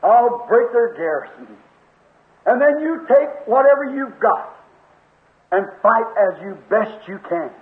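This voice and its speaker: A man preaching a sermon, telling a story with slow, dramatic emphasis. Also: very high-pitched, expressive. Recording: tinny, echoey old recording.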